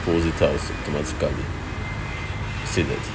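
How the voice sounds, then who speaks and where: A man's voice: rumbling low, fairly even intonation, moderate pace, creaky. A man walks through his oven workshop, explaining each step and repeating himself as he films on his phone. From Nigeria. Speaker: oven fabricator showing his work. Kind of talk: walkthrough narration while filming. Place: workshop and outdoor street site. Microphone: phone held while filming. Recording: phone video with loud background noise.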